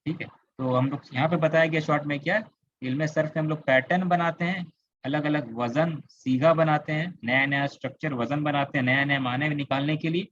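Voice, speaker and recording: A man's voice: on the high side, fairly even intonation, normal speed, a bit bright. A man with a Kolkata Indian accent gives an online grammar lesson over a computer microphone. He explains step by step, repeats key words and stops to quiz his students. The audio is slightly dull and lo-fi. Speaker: Arabic grammar teacher. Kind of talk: online class lecture. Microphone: computer mic on a video call.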